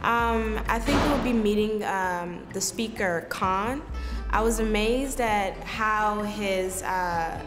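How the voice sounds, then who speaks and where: A woman's voice: mid-range voice, slow pace, reverberant, in a large hall. A woman, a student, reflecting on the program in a hesitant way with many fillers. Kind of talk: interview reflection and narration. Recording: music and crowd behind.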